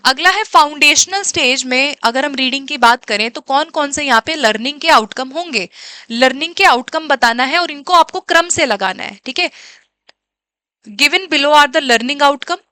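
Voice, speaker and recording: A woman teacher giving an exam-prep lesson, who asks questions and answers them herself and reads English questions out slowly. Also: sits high, sharp tone, dry recording. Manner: switches between Hindi and English terms, reads English questions slowly.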